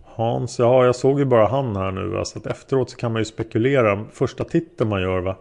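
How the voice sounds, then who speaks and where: A man reading the lines of a hesitant male taxi driver being questioned as a witness, in a plain, halting way. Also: mid-range voice, gravelly, a little mellow, lightly acted. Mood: unsure. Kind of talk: read-aloud interrogation transcript.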